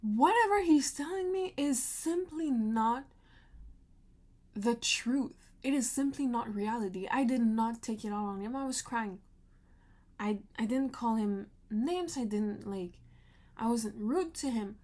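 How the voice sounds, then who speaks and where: Slow-talking, fed-up woman venting. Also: a little high, a little mellow. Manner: frustrated, emotional, swears often. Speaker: vlogger. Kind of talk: venting storytime vlog.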